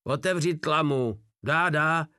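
A man's voice: fairly high pitch, sharp tone, no room sound, clean studio sound, voice pushed up. A man voicing a hulking, foul-mouthed soldier who bellows crude threats. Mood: rowdy, crude.

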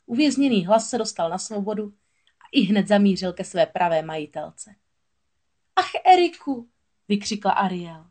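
A woman reads a fairy tale aloud at a mid-range pitch. Her narration is steady and expressive, and it follows a clear storybook rhythm.

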